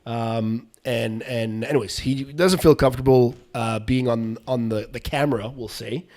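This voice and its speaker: A man's voice: medium pitch, steady tone, moderate pace, a little mellow. A man hosting a podcast, chatting casually about sports in a loose, rambling way that drifts between topics. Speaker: podcast host.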